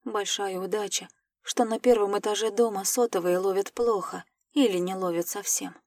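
A woman's voice: mid-range voice, steady tone, normal speed, darkish tone, no echo. Woman narrating a fantasy audiobook. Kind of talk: scripted first-person narration.

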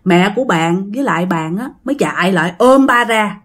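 A woman with a Southern Vietnamese accent, narrating a ghost story to her listeners in lively quoted speech. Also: mid-range voice, brisk.

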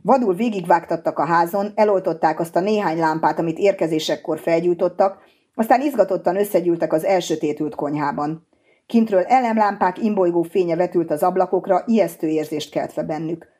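A woman narrating an audiobook in an even, measured reading. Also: lowish voice, slightly rough.

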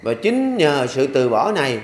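A man's voice: medium pitch, very animated, a little slow. An older man who is a Buddhist monk, speaking with a Southern Vietnamese accent, preaching in a folksy, joking way with rhythmic repeated refrains in a temple hall. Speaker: Buddhist monk giving a dharma talk. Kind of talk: sermon. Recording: echoey hall with faint ambience.

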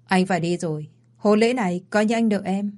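A woman's voice: mid-range voice, a little fast, a little mellow, natural voice. Woman playing a cold, curt young groom. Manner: terse, cold.

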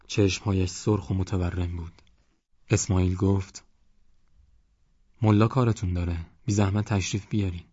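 A man narrating a novel as an audiobook in a steady, measured reading, in a dull, dry recording. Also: low-pitched, slightly rough, no room sound. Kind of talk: scripted narration.

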